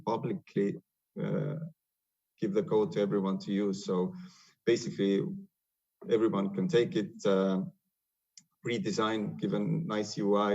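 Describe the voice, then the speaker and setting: Estonian guy presenting on a video call webinar, low voice, muffled lo-fi audio, lots of uh's. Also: a little mellow. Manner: hesitant, many "uh" fillers and restarts. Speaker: software developer presenting on a webinar.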